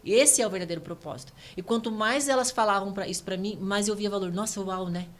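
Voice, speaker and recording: A woman in her thirties from Brazil, a guest giving an emotional personal testimony, animated and earnest. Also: mid-range voice. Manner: fast, earnest, animated storytelling.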